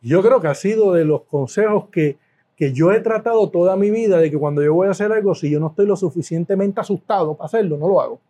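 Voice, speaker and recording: A middle-aged food business owner from Puerto Rico appears as a guest in a casual interview, telling stories with animation. His voice is a little high yet soft and mellow, and he talks fast, stacking repeated words for emphasis and laughing now and then.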